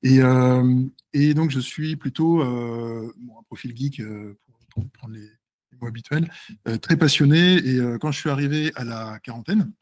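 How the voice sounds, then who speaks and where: A man in his forties giving a live seminar talk, hesitant, with many fillers and restarts, tending to speak fast and checking in with his listeners. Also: medium pitch, darkish tone. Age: 40s. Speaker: seminar presenter and author.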